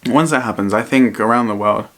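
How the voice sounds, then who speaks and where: A man vlogging in a reflective, personal way, speaking earnestly and haltingly and often repeating his phrases. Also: lowish voice, a bit bright. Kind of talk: personal vlog to camera, reflective talk.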